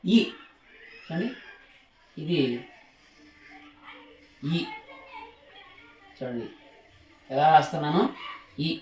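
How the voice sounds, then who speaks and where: A male teacher works through the alphabet at an unhurried pace, saying each letter carefully and repeating it. He keeps stopping to ask his learners questions as he writes. The recording carries a noticeable roomy echo. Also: a little high, darkish tone, slight background noise. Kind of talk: slow alphabet lesson, demonstrating letters while writing.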